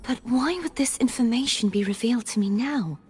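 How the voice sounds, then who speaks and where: An actress voicing a youthful holy maiden in video game dialogue, speaking softly, earnestly and formally. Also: female voice, fairly high pitch, fairly quick, a little hiss or hum, lightly acted.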